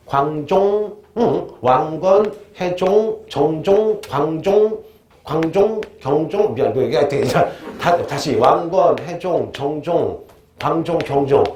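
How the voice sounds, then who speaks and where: A lively male history teacher lectures with jokes and a steady stream of questions to his students. His voice sits a little high. The sound is roomy and echoey, with faint noise underneath. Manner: lively, joking, quizzes students constantly.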